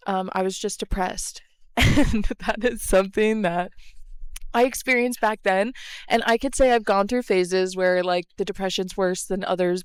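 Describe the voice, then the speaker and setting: Out in the cold near a train line, a chatty young podcast host with a smooth, mid-range voice talks to herself casually, poking fun at herself and laughing between phrases. The camera is close, with clean, studio-like sound and no room echo.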